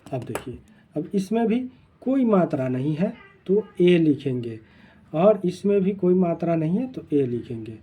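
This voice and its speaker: Slow, husky man teaching spelling. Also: a little high, very animated, mellow. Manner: slow, repeats words to drill pronunciation. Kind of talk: spelling lesson.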